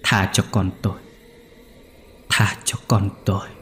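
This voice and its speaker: A man voicing a dying old man who begs for death in a faint, breathy whisper. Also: low voice, a little slow, slight background noise. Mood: begging.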